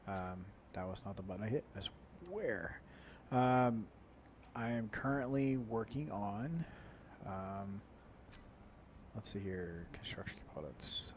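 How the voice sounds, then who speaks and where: A low-voiced man hosts a casual gaming video, rambling and half muttering to himself as he plays. He sounds nasal and a bit congested. A poor microphone adds a faint chopping, helicopter-like noise. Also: animated, moderate pace. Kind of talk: casual let's play commentary. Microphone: low-quality microphone. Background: helicopter-like equipment noise.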